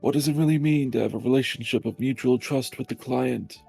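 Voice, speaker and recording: A pompous elderly judge , as a man puts him on while reading a game aloud. The voice is heavily gravelly and husky, with a dark, mellow tone. He speaks slowly and formally, as if holding court. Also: medium pitch, soft background music. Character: elderly male judge and veteran lawyer.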